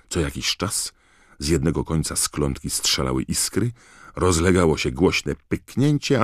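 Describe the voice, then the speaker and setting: A man narrates an audiobook with a measured, expressive storytelling manner. His voice is extremely deep and recorded close and dry. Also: no echo. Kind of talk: scripted narration.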